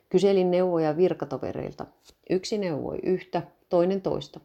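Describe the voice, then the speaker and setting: A woman's voice: lowish voice, creaky, mellow. A woman reading the lines of an earnest, devout young male pastor speaking to his father. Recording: dull lo-fi recording.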